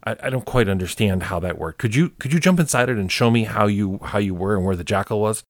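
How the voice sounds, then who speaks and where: A man's voice: fairly low pitch, animated, fast, dry recording, studio quality. A man doing a stammering clever hare. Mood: musing. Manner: stammering, hums thoughtfully. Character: hesitant, clever male hare judge.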